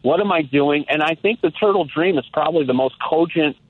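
A man's voice: fairly high pitch, a little fast, no room sound. Older man rambling over a phone line. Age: 60s. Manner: rambling and reflective, many restarts. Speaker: caller. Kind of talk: casual phone-in chat.

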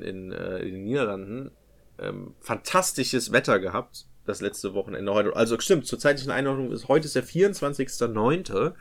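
Rambling young Rhineland man. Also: fairly low pitch. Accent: Rhineland German. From Rhineland, Germany. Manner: rambling, hesitant, many fillers. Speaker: trainee teacher, podcast co-host. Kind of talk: casual chat.

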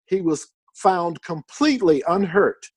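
A man's voice: high-pitched, animated, measured pace, slightly rough, dry recording. A man preaching a sermon. He reads scripture verses aloud and then comments on them in an easy, enthusiastic way. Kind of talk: sermon reading and explaining scripture.

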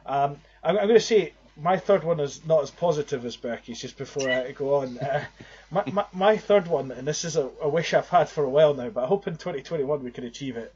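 A young podcast co-host talks in an earnest, rambling way during casual podcast chat. His voice is fairly high, a little fast and a little mellow, with slight roughness, heard through slightly muffled lo-fi audio.

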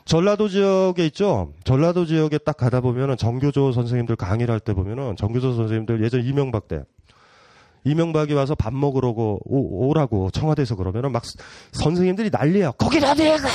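A man's voice: medium pitch, lively intonation, fast talker, warm tone, dry recording. A middle-aged man giving a public philosophy lecture, playful and provocative, often laughing and teasing his audience.

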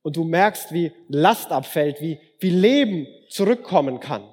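A man delivering a sermon in a slightly higher voice. He is lively and dramatic, acting out voices and dropping from loud emphasis to near-whispers. His voice rings with a long hall reverb. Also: unhurried, slightly rough. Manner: lively, acts out dialogue, wide swings from loud to hushed. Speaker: preacher.

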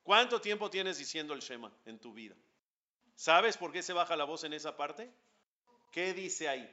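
A man, a rabbi giving a lively religious class, questioning his listeners and chanting Hebrew prayer lines. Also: a little high, moderate pace, lo-fi sound.

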